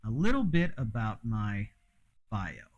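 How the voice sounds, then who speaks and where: Guy raised in mexico rambling slowly on his own show, pitch all over the place, swears a bit. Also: very animated, dull audio. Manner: rambling, frank, with frequent fillers and swearing. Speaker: host. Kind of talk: casual solo monologue.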